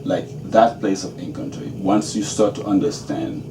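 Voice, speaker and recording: A very deep-voiced man answers interview questions in a measured way, often pausing to ask "okay?". He sounds far from the mic in an echoey room with clear background noise. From Senegal. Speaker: dance graduate student. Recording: roomy, distant and noisy.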